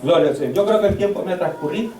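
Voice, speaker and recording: Fervent high-voiced pastor preaching in an echoey hall. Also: male voice, lively intonation, racing, slight background noise. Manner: fervent, swings between loud shouts and hushed storytelling. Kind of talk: sermon. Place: church. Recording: echoey church hall, mic at a distance.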